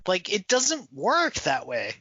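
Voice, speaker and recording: Man, podcast guest, profane and animated, very lively pitch, bright forceful tone, dry close sound. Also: slow pace, no room sound. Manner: profane, animated storytelling with voiced sound effects. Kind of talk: casual chat about a film.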